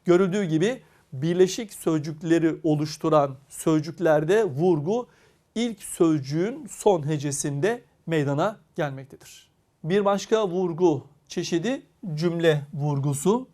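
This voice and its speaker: A teacher gives a recorded grammar lesson, speaking directly to the class in a medium-pitched, dark voice. Each example word is read deliberately and drawn out.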